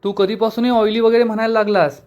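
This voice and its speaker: A man's voice: high voice, level tone, fast, darkish tone, smooth, dull audio, pitched above the performer's own voice, natural voice. A man voicing a jovial coworker who coaxes and teases his friend. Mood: teasing. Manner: coaxing, teasing.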